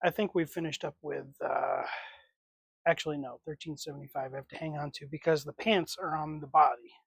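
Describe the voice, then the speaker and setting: A male livestream host with a fairly high, husky voice and some vocal fry talks at a fairly quick clip in a steady tone. The sound is studio quality with no echo. He rambles casually and talks to himself while changing parts on figures.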